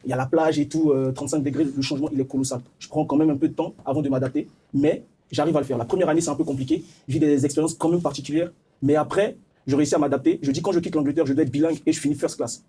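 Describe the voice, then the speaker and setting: A man's voice: a little high, fairly even intonation, rapid-fire, dark tone, slightly rough. A man in his twenties from Ivory Coast, confidently presenting himself as a candidate in a job interview. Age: 20s.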